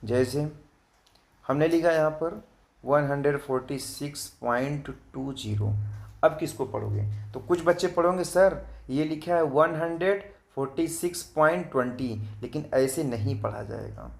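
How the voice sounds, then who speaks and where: A man teaches children a math lesson patiently, repeating his points, asking whether they follow, and reading digits slowly one at a time. His voice is on the high side with vocal fry.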